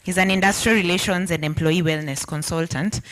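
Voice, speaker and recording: A woman's voice: on the low side, fairly even intonation, a little fast, fairly bright tone, poor audio. A woman with a Kenyan accent introducing speakers at a meeting as master of ceremonies.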